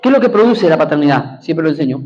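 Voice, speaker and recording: A high-pitched Argentine man preaching to his congregation. He drives his points home by repeating phrases and asking for amens. The recording sounds dull and lo-fi, with a faint hiss underneath. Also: very animated, fast talker, a little mellow. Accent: Argentine Spanish. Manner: emphatic, repeats key phrases, calls out for amens. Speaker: pastor. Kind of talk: preaching a sermon.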